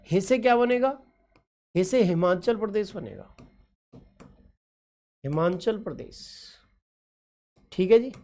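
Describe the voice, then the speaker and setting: A woman's voice: mid-range voice, lively intonation, slow, pauses often, dark tone. A woman teaching an exam-prep geography class over a map, fondly calling her students children and quizzing them with repeated questions and frequent okay checks. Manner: affectionate, addresses students as children.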